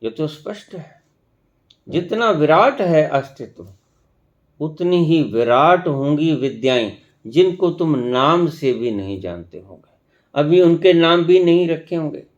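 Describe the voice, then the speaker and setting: A man giving a spiritual discourse as a teacher, speaking slowly and emphatically with long pauses. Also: a little high, lively intonation, dull audio. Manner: slow, emphatic, with long pauses and rising stresses.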